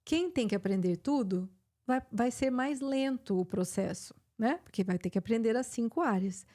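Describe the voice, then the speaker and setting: A woman's voice: on the high side, normal speed, mellow. A middle-aged woman with a Brazilian Portuguese accent, an English teacher hosting a live chat and explaining with many fillers and restarts.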